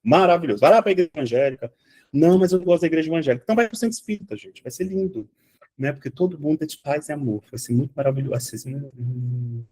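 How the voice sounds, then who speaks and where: A man teaching an online spiritual class from home, swinging from hushed remarks to loud outbursts and swearing freely. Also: medium pitch, expressive, fast.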